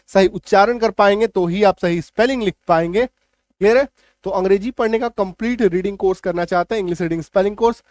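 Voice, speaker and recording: Male teacher, high voice, dry close sound, drills each rule and checks understanding. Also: no room sound. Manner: emphatic, repeats rules and asks "clear?". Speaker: English teacher. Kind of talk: classroom-style spelling lesson.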